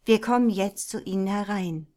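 A woman voicing a calm, measured, unseen interrogator speaking over a loudspeaker. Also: medium pitch, pitched above the performer's own voice, lightly acted. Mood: soothing.

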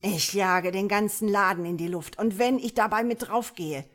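A woman's voice: medium pitch, normal speed, a bit bright, natural voice. Woman doing a wiry, crazed male soldier. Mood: manic.

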